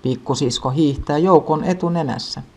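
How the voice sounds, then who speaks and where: A woman reading a children's story aloud in a calm, even way. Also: sits low.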